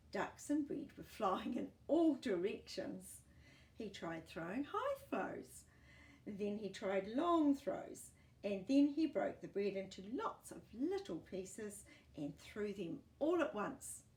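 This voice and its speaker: A woman reads a picture book aloud to young children, animated and encouraging, slipping in chatty asides to the listener. Her mid-range voice moves slowly, and the room sounds echoey.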